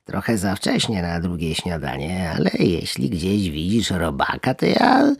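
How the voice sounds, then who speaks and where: A man's voice: low-pitched, huge pitch swings, measured pace, creaky, slightly rough, no echo, clean studio sound, exaggerated voice. Man doing a small greedy timid frog. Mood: curious. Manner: eager then faint-voiced.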